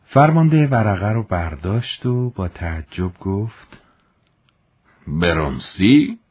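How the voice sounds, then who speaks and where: A man narrating a story in a calm, measured way. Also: fairly low pitch, husky, narrow, tinny audio.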